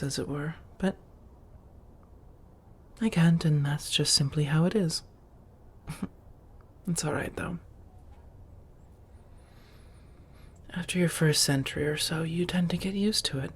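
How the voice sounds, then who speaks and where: A woman gives a heavily acted performance as a genteel, affectionate vampire housemate centuries old, in a quiet ASMR roleplay. Her husky, breathy voice sits low, her phrasing is measured and old-fashioned, and she sounds apologetic and wistful.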